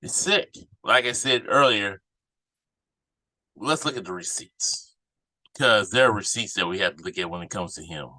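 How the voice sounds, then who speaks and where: A man hosts a political commentary podcast in a low, forceful voice, speaking off the cuff with indignant emphasis and returning to phrases to hammer them home. He talks at normal speed with long pauses, and the recording is dry and rough, with very little room sound.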